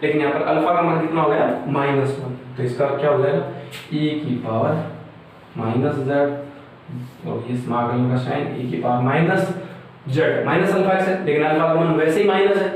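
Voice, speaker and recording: A young man explains a math problem step by step, often pausing to check that his students follow. His slightly raised voice comes from some distance off the mic. The room around him is very echoey, with a faint hiss underneath. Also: on the high side, fairly even intonation. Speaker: math teacher. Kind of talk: whiteboard math lecture.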